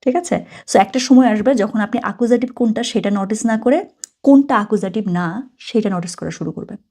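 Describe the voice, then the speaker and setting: A woman teaching German grammar from a textbook in a casual lesson. She mixes languages freely, checks in with her students often, and says example words slowly. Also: medium pitch, dark tone.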